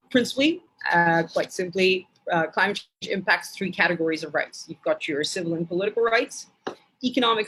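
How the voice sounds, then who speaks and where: A woman from Bangladesh giving an academic lecture in a measured way, with frequent hesitation fillers. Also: fairly low pitch, fairly bright tone, a little hiss or hum, low-quality recording.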